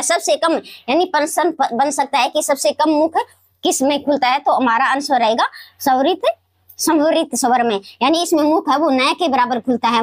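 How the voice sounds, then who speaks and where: A woman teacher explaining grammar in a classroom lesson, repeating key words slowly and answering her own questions. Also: high voice, no echo. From Rajasthan, India. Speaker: Hindi teacher.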